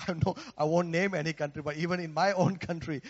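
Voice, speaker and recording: A Malaysian man with a Malaysian accent preaches a sermon in a large hall, his voice on the high side with a steady tone and moderate pace, and the highs are cut off. He speaks conversationally, repeats words, and often asks the congregation for an amen.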